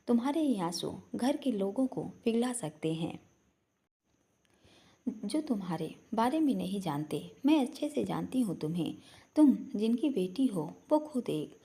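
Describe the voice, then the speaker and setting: A woman's voice: mid-range voice, big pitch swings, unhurried, dark tone. A woman voicing a spiteful young woman who taunts her sister-in-law with scorn. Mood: taunting.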